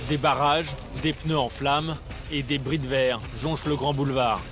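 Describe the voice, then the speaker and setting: Guy doing documentary voice-over, calm and factual, music going under it. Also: medium pitch, normal speed. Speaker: documentary narrator. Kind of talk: scripted narration.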